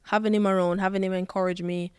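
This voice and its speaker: This Jamaican footballer in her twenties talks quickly in a medium-pitched voice with a clear, resonant tone, recorded dry with clean studio sound. Appearing as a podcast guest, she tells animated stories and acts out the lines people said.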